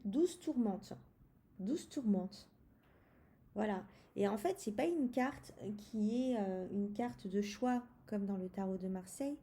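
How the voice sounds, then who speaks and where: A woman talks through a tarot deck in a loose, chatty way, speaking straight to the viewer. Her voice has a gravelly edge and a dark, mellow tone. She hesitates often, filling gaps and restarting her sentences. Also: medium pitch, a little slow, hardly any pauses. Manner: hesitant, many fillers and restarts. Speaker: tarot reader presenting a deck. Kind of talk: casual spoken deck review.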